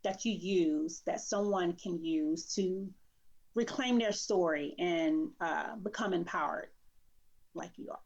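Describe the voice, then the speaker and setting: A woman's voice: on the low side, takes it slowly, a little mellow, dull audio. A woman hosting an interview, casual and affirming, often checking in with "right?". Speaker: interview host. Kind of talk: conversational interview.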